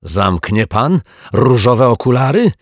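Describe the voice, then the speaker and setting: A surly, scruffy neighbor in a storybook, played by a male reader. He speaks in a gruff, snarling way with a low, husky voice. The sound is dry and close. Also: expressive, moderate pace, a bit bright, no room sound, full character voice. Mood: mocking. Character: gruff scruffy middle-aged man, surly.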